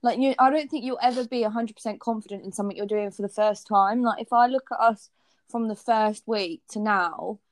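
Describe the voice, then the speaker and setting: A young woman co-hosting a podcast talks candidly and chattily, filling her speech with "like." Her voice is fairly high and a little fast, recorded dry with clean studio sound.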